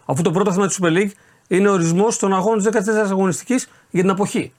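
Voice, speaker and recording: A man's voice: sits high, fairly even intonation. A man, a sports reporter on a casual radio talk show, explaining at length with restarts and hesitations.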